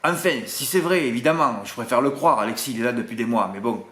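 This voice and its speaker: A horse racing tipster from southern France, a man with a Marseille accent, delivers a casual, chatty monologue, mocking himself and sprinkling in little asides. His mid-range voice is fast with a fairly bright tone. The echoey room recording carries a little hiss or hum.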